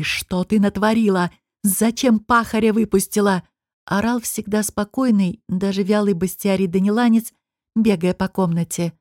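A woman narrating a fantasy audiobook in an even storytelling manner. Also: mid-range voice, no room sound, studio quality. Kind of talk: scripted narration.

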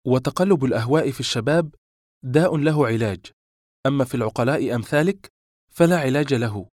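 A man's voice: medium pitch, a little fast, darkish tone, no echo, clean studio sound, voice pushed up, lightly acted. A man reading an audiobook, voicing a distressed young woman who sharply questions her lover. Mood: pleading.

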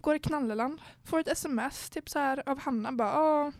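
A woman's voice: high voice, dry recording. A young woman hosting a podcast, chatting casually and telling a story while acting out what people said. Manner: storytelling, acts out quoted dialogue. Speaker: podcast host. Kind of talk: casual chat.

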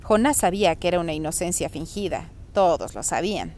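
A woman calmly reading a chapter of a novel aloud, narrating in a steady way. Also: on the low side, fairly quick, a little hiss or hum. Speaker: reader.

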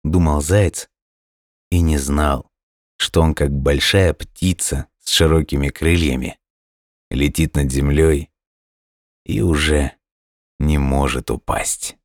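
This is a man with a very low voice reading a children's picture book slowly and calmly. The recording feels close and intimate, with no echo and nothing added to the dry sound.

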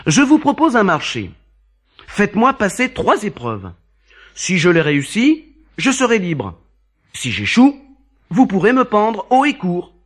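A man voicing a bold, boastful young gentleman thief in a storybook tale. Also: medium pitch, big pitch swings, measured pace, husky, heavily acted. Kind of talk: storybook dialogue.

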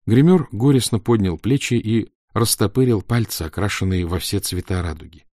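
Guy reading an audiobook, low pitch, super expressive, dry sound. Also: moderate pace, dry recording. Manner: expressive storytelling. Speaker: narrator. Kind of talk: audiobook narration.

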